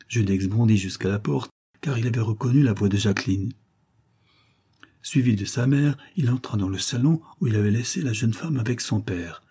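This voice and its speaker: A man reading a classic novel aloud as an audiobook narrator, with measured, dramatic phrasing. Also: fairly low pitch, mellow, slightly rough.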